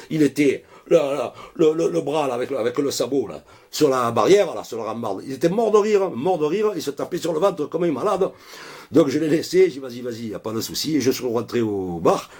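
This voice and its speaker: A man with a broad Marseille accent spins a tall tale, his husky voice swooping up and down as he goes. He talks in a loose, chatty rush, dropping filler words at the end of almost every phrase. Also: mid-range voice. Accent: Marseille French. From Marseille, France. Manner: animated, loose and colloquial, full of hein and quoi fillers. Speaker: joke teller. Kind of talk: casual joke storytelling.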